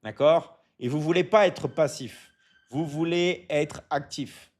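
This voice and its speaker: Male live-stream host, slightly high-pitched, motivational coach tone, repetitive and halting. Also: darkish tone. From Michigan. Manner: repeats "d'accord?" often, stumbles and restarts, coaching tone; reads out viewer comments and answers them. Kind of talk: casual live stream chat.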